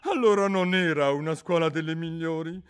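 A man reading an audiobook, voicing a mournful, sighing old Mock Turtle in a slow, plaintive, wavering way. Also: fairly high pitch, clean tone, voice pushed up, lightly acted. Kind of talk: audiobook character voice.

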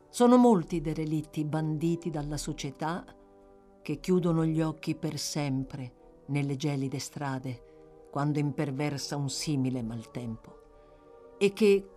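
A woman's voice: low-pitched, a little mellow. A woman narrating a classic novel aloud as an audiobook reader, with dramatic phrasing that lingers on words.

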